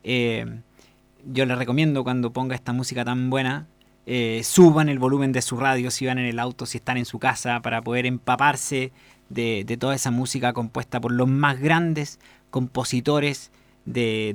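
Earnest radio host, dry sound. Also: male voice, mid-range voice, steady tone, moderate pace, no echo. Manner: unscripted, frequent fillers and restarts, earnest recommending. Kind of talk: casual spoken commentary.

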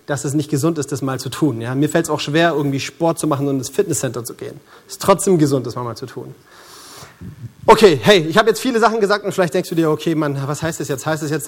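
A man with a Franconian accent preaching a sermon in a church, lively and joking as he talks straight to the congregation. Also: a little high. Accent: Franconian German. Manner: lively, joking and conversational, addressing the congregation directly. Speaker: pastor.

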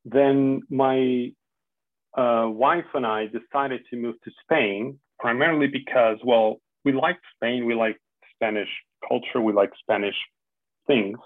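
Over a dry, tinny, phone-like line with no echo, a roughly forty-year-old man from Portugal speaks a little slowly in a steady, mid-range voice. He's a security specialist guesting on a podcast, giving casual interview answers in an earnest, reflective way and frequently starting over.

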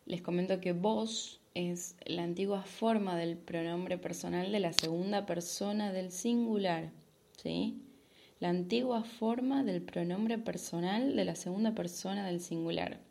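Argentine woman, Spanish teacher, podcast lesson; low gravelly voice, patient, checks in with listeners often. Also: measured pace, dark tone.

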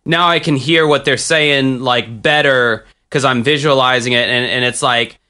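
An American film podcast co-host chats loosely about a movie, often restarting sentences and trailing off into fillers. His mid-range voice is bright, forward and clean, with fairly even intonation at a normal speed.

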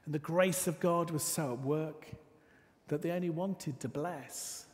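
Man, preacher, sermon, storytelling, hushed asides, long church reverb. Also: on the high side. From north of England. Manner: storytelling, with dramatic pauses and quiet, hushed asides.

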